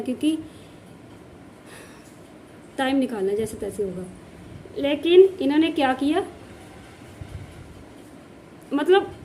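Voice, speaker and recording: A woman's voice: high-pitched, dark tone, a little hiss or hum. A woman from the Jammu region, a village housewife vlogger, telling a story in a casual way and repeating phrases for emphasis.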